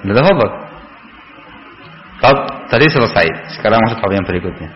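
A man giving a religious study lesson, reciting Arabic and explaining in lively lecture style, acting out short dialogues. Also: on the low side, fairly quick. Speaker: Islamic teacher. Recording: roomy hall, dull lo-fi sound.

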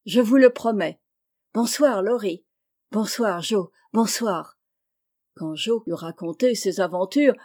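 A woman's voice: mid-range voice, a little mellow. Woman reading a novel aloud. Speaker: audiobook reader. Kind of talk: scripted novel narration.

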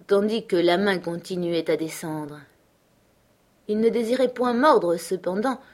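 Audiobook: woman narrator, measured and steady, fairly low voice. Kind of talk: literary narration.

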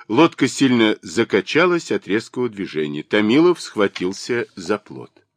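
A man narrating a novel as an audiobook in an expressive literary reading. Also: lowish voice, a little slow, no echo.

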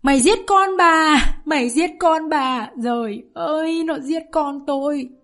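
A woman's voice: unhurried, a bit bright. Woman playing a shrieking, grief-mad old mother. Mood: furious. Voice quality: shrill, shrieking.

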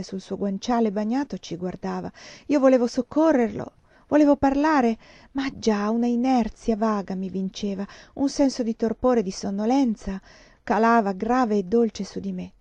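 A woman reading a novel aloud in the first person, expressive and dramatic. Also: mid-range voice, dry recording. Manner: expressive, rising to near-sobbing at tense moments. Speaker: reader of a novel. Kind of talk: dramatic audiobook narration. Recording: dull dry recording.

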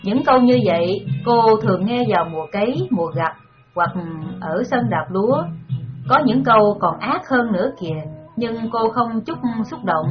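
A woman's voice: fairly high pitch, expressive, normal speed. A woman narrating an audiobook story in a hesitant way, with many fillers. Muffled recording with music behind.

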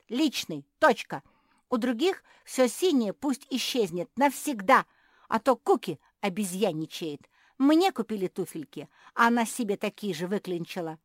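A woman's voice: mid-range voice, no room sound, studio quality, voice pushed up, natural voice. A woman voicing a spoiled young female pug who shrieks her demands in a petulant way.

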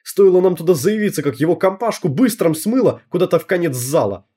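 A cocky, bossy teenage girl who leads a school gang and talks in street slang, as a man puts her on. The voice sits well above his own, with a husky, mellow tone. An audiobook reading. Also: a little high, expressive, brisk, voice pushed up. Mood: boastful. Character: brash tough teenage girl, gang leader.

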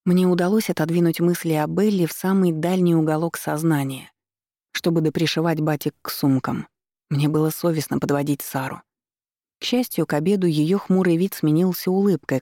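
A woman narrating a first-person audiobook in a steady, measured way. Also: deep voice, no echo, clean studio sound.

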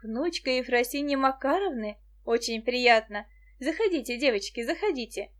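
Gentle friendly lady in a storybook, read by a woman, warm welcome, high-ish voice. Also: lively intonation, moderate pace. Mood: welcoming. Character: friendly adult woman, professor's wife.

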